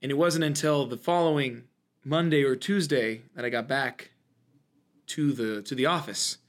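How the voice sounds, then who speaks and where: A man co-hosting a podcast in casual comedic chat, telling stories in an animated, joking way and mimicking inner thoughts. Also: mid-range voice, moderate pace. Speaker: podcast co-host. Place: indoors, in a church.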